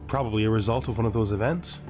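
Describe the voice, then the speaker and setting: This man talks fast in a lowish voice while casually narrating a video game playthrough, thinking aloud and reading text off the screen. Background music runs beneath him.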